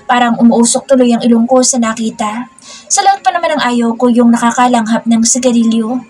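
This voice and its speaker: A woman narrates a storybook romance in the first person, reading steadily and plainly. Her voice sits slightly high. Faint music runs behind her. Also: fairly quick, darkish tone.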